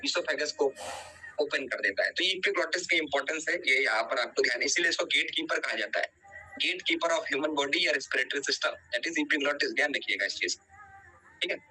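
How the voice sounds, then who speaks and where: Bright-voiced man teaching biology online. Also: on the high side, slightly rough, poor audio. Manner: explains step by step, often checks with "ठीक है"; quizzes students and urges revision.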